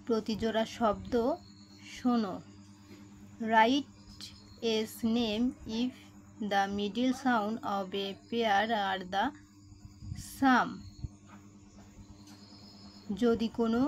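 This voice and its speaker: A woman talks a young class through a textbook lesson, slightly high in pitch. She spells out each word, repeats every step and keeps checking that her listeners follow along. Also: darkish tone. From Bangladesh. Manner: explains slowly, repeats each step, asks "ঠিক আছে?" often. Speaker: teacher.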